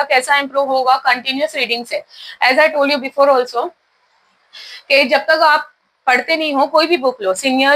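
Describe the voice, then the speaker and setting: A woman's voice: high-pitched, sharp tone. A woman with an Indian accent teaching English pronunciation, spelling each word out letter by letter and then saying it, repeating words as a drill.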